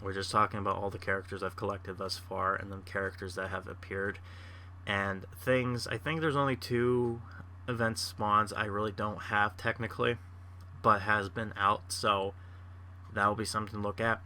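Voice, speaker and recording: A man hosting a gameplay channel, chatting casually in a rambling way with plenty of pauses and restarts. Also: fairly low pitch, little pitch movement, bright, forceful tone, a little hiss or hum. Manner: rambling, lots of uh fillers and restarts.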